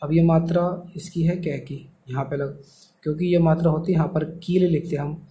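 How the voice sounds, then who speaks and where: Flat-voiced man teaching shorthand. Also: on the high side, brisk, slight background noise, poor audio. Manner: explains patiently, asks and answers his own questions. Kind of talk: step-by-step lesson explanation.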